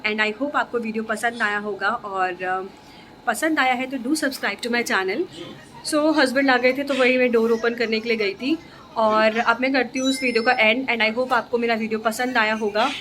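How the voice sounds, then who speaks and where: Easygoing woman vlogger with a slightly high voice, chatting to camera over faint background hum. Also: moderate pace, fairly bright tone. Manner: chatty, easygoing, thinking aloud. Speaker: lifestyle vlogger. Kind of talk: casual chat to camera.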